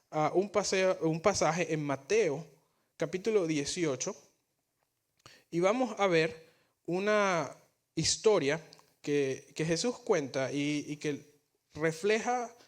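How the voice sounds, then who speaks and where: An earnest male pastor delivering a sermon, with a voice pitched a little above usual. He often repeats and restarts words as he builds toward his points.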